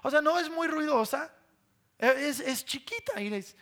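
A man's voice: very high voice, lively intonation, a little slow, fairly bright tone. A man in his thirties preaching a sermon, telling a conversational story with repeated words and playful sound imitations.

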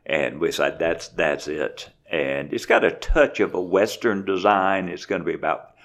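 A man being interviewed as a race director, speaking in a plain, unhurried, matter-of-fact way. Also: low-pitched, lively intonation, a bit bright. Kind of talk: casual interview.

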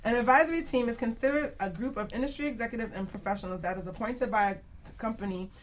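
A woman with a slightly high voice talks fast as she hosts a casual radio panel discussion, keeping things chatty and informal and laughing often. The low-quality recording has clear background noise and room ambience.

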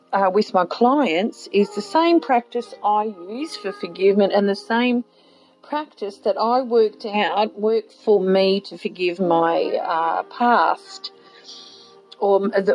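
A woman podcast host guiding a meditation on forgiveness in a gentle, unhurried manner with pauses. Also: medium pitch, rough recording. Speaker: podcast host and healing practitioner.

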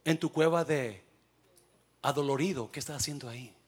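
A Mexican man preaching with a Mexican Spanish accent, his voice husky and fairly high for a man. He swings from near-whispered intensity to shouted exhortation and slips English phrases into his Spanish. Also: moderate pace. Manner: shouts and sings out exhortations, then drops to hushed intensity. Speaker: pastor. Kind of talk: sermon.

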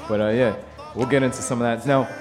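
A relaxed male host chats easily on live radio, full of slang and shout-outs. Music plays softly behind him in a bar storefront broadcast. He sounds a little tipsy. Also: medium pitch, fast talker, a crowd in the background. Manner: laid-back, slangy, gives lots of shout-outs. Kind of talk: casual interview chat. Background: music playing.

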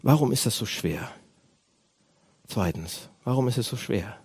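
A man preaching a sermon as a pastor, animated, swinging between loud outbursts and hushed asides. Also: medium pitch, a little slow, breathy edge.

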